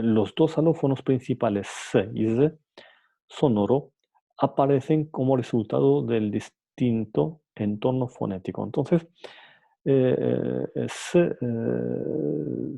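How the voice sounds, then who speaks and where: A man's voice: medium pitch, creaky, mellow. A man giving a phonetics lesson, hesitant with many fillers and restarts, saying examples aloud and checking in with the listener. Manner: says examples aloud, ends points with "¿no?". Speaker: teacher. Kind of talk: phonetics lecture.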